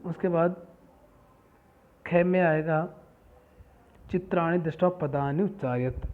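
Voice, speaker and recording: Male teacher, slow deliberate delivery, repeats words and quizzes back, thin phone-line audio. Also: a little high. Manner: repeats each word and asks questions back; reads terms slowly one by one. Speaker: school Sanskrit teacher. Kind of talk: lesson explaining word meanings. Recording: tinny phone-like sound.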